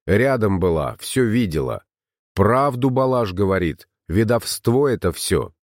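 A man's voice: fairly low pitch, expressive, measured pace, darkish tone, dry recording, clean studio sound. A man voicing a meddling village man who accuses insinuatingly, in an audiobook. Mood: accusing.

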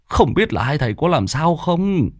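A man's voice: on the high side, very animated, moderate pace, a little mellow, no echo, studio quality, pitched above the performer's own voice. A man voicing an anxious, fussing older village host who frets and hurries his words. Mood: fretful. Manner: flustered, fretting.

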